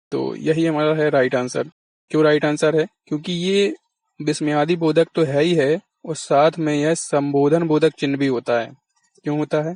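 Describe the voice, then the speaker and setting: A man's voice: fairly high pitch, a little mellow, dry recording. A man teaching an exam-prep lesson, patiently explaining and answering his own questions.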